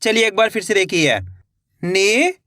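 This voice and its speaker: A man teaching a reading lesson online, sounding out words slowly syllable by syllable. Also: sits high, lively intonation, bright, forceful tone, no echo, studio quality. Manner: slow, drawn-out syllable-by-syllable pronunciation.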